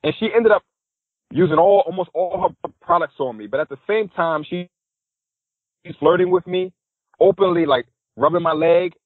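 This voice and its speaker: Man, husky voice, dull lo-fi podcast audio, animated storyteller. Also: sits high, moderate pace, no room sound. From New York City. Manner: animated, acts out quotes of others. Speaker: podcast guest, style coach. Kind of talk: casual interview storytelling.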